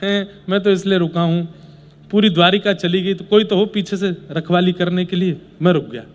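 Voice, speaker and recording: A man's voice: sits high, normal speed, lightly acted. A man voicing a sulky, pot-bellied elephant-headed male god who grumbles stubbornly. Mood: reasoning.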